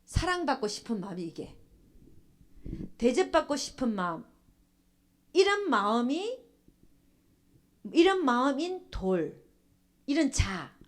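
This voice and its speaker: A woman's voice: high-pitched, slow pace, long pauses. A middle-aged woman pastor giving a sermon. She keeps asking the congregation questions and acts out what believers think. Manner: animated preaching, asks the congregation questions, acts out church members' thoughts.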